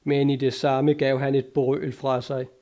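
A man narrating an adventure audiobook in a measured, dramatic reading. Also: mid-range voice, level tone, warm tone.

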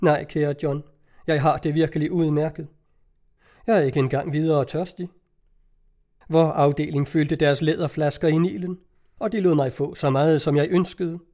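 A man reading aloud as a calm, gentle wife who talks in a reassuring way, in an audiobook. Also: fairly high pitch, natural voice.

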